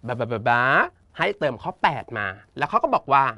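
A man with a Thai accent teaching an English exam lesson in a playful, teasing, campy way, reading the English options slowly. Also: medium pitch, big pitch swings, sharp tone, no echo, clean studio sound. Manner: campy, teasing, uses feminine polite particles.

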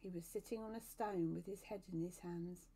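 A woman as storyteller, reading a novel aloud in a steady, even narration. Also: lowish voice, normal speed, husky.

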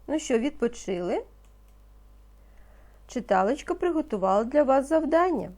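A woman teaching a reading lesson to young children, speaking slowly and patiently and pronouncing each word with care. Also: high-pitched, big pitch swings, warm tone. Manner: slow, patient, encouraging, pronounces words carefully. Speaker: primary school teacher.

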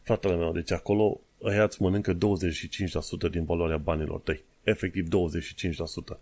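Deep-voiced podcast host. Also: male voice, steady tone, darkish tone. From Romania. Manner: explains pronunciation, drawing out and repeating words. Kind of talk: casual podcast monologue.

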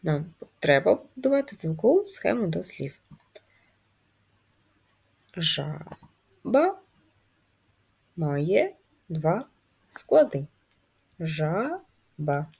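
A woman teaching a first-grade class, reading riddles and guiding letter writing in a slow, sing-song manner for young children. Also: lowish voice, sing-song, creaky, dark tone, slightly rough. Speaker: primary school teacher. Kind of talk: first-grade handwriting lesson.

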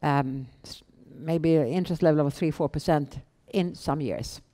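A middle-aged woman with a Swedish accent, answering questions on stage in a measured, halting way with pauses. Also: sits low, warm tone. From Sweden. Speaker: guest, bank founder and chief executive. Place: indoor event room on a small stage. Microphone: headset.

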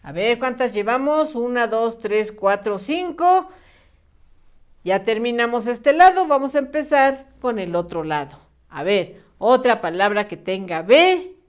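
A woman's voice: on the high side, lively intonation. Patient woman teaching spelling to children. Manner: patient, encouraging, slow and clear dictation. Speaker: primary school teacher.

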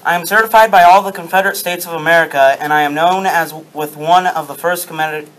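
A man's voice: on the high side, fairly even intonation, fast, a bit bright, close to an everyday voice, rough recording. A young man voicing a proud Confederate statesman in an amateur sock-puppet show, with stiff, recited lines. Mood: proud, earnest. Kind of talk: amateur puppet-show role-play, scripted. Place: darkened room with projection screen, puppeteers low at front.

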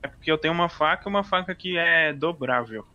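A man's voice: a little high, brisk, sharp tone, muffled recording. A man in a GTA roleplay, playing a joking character who poses as a psychopath and swears often. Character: young male roleplayer posing as a psychopath.

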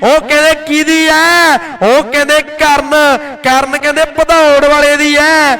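Frantic, very high-pitched Punjabi male sports commentator. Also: a little slow, a little hiss or hum. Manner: excited, repeats phrases over and over. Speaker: kabaddi tournament commentator and announcer.

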